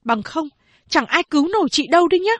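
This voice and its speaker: A woman's voice: sits high, animated, normal speed, fairly bright tone, no room sound, voice pushed up. A woman voicing a hot-tempered young woman who argues back hard at her mother and sister. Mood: scornful. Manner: defiant, scolding. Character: sharp-tempered young woman, quick to slap.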